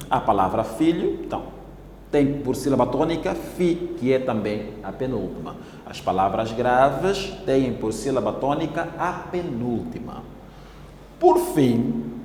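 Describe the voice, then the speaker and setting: Angolan guy teaching a class, slow careful syllables, roomy echo with faint hiss. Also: medium pitch, darkish tone. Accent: Angolan Portuguese. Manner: slow, deliberate, syllable-by-syllable explaining. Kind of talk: televised classroom lesson. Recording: echoey room with long reverb.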